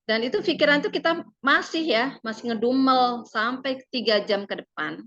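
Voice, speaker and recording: A woman giving a parenting seminar with slides. She speaks gently and persuasively to parents and tags her phrases with fillers. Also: fairly high pitch, lively intonation, normal speed, no echo, dull audio.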